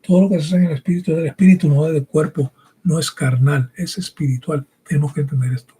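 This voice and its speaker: Some hiss or hum sits under this man's dark-toned voice, which is on the high side, steady, and quick-paced. Raised bilingual in English and Spanish, he preaches an emphatic teaching sermon, reading scripture and repeatedly checking in with brief rhetorical questions.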